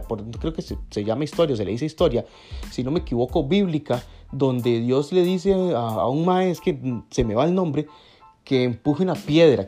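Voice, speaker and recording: Lively Costa Rican man musing aloud. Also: medium pitch. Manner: conversational, keeps asking "¿verdad?". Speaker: vlogger. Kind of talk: reflective motivational monologue.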